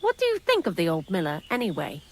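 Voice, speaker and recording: Talking fast in a fairly low voice, an actress swoops her pitch wildly and exaggerates her delivery. She's playing the game's miller's accomplice, a chatty, sardonic young female thief who is hiding out.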